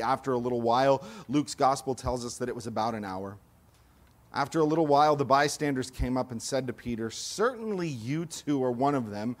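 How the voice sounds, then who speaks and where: A man from California preaching a sermon, moving between loud, emphatic lines and quiet, low asides, and acting out accusers' voices. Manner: acts out accusers' lines with raised voice. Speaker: pastor.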